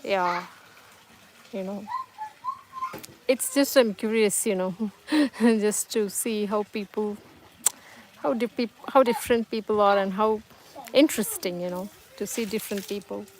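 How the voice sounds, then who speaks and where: A woman whose first language is Tamil hosts a laid-back livestream at home, reading comments and chatting with viewers in a tentative, reassuring manner with many fillers and restarts. Her mid-range voice moves a little slowly. The audio is poor, with slight background noise.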